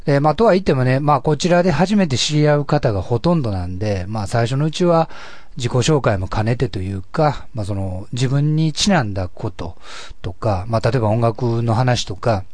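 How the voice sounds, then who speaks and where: A man with a husky, gravelly voice, chatting casually and politely as a solo podcast host. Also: mid-range voice, animated, moderate pace, a little mellow, no room sound. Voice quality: husky, gravelly voice, often taken for having a cold. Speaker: podcast host and amateur musician.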